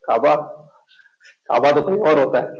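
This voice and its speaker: A man with an Indian accent teaching an exam coaching class, slowly dictating and spelling out words letter by letter. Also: on the high side, lively intonation, dull audio.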